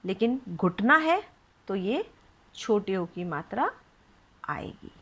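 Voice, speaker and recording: A woman's voice: medium pitch, very animated, slow pace, fairly bright tone, husky. A woman teaching young children to read, spelling words out syllable by syllable with patient questions. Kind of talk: children's phonics lesson.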